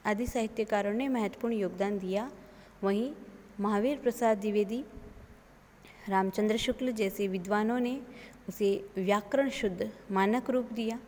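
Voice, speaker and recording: A woman giving an online lecture, explaining slowly and carefully with lists of examples. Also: medium pitch, darkish tone, big-room sound, a little hiss or hum. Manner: slow, measured explanation with listed examples.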